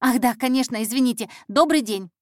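A woman's voice: a little high, brisk, no echo, clean studio sound, voice pushed up, lightly acted. A woman voicing a nervous young female intern reporter who stumbles and hesitates over her words. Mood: flustered. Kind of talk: audiobook character voice.

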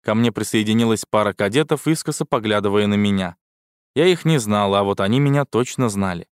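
A man's voice: on the low side, fairly quick, clear, resonant tone, no room sound. Wry male audiobook narrator, dry sound. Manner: wry, sardonic. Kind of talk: scripted first-person sci-fi narration.

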